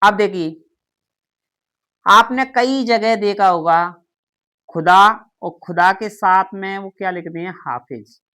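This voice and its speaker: A woman's voice: mid-range voice, steady tone, slow, pauses often, sharp tone. Woman teaching grammar, self-questioning. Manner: asks questions and answers them herself. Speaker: Hindi teacher. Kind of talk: grammar lesson.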